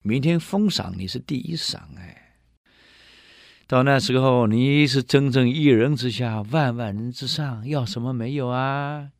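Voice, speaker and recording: A man's voice: mid-range voice, measured pace, no echo, studio quality, close to an everyday voice. A man voicing a hearty jovial chancellor. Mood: reassuring. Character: hearty, generous male chancellor.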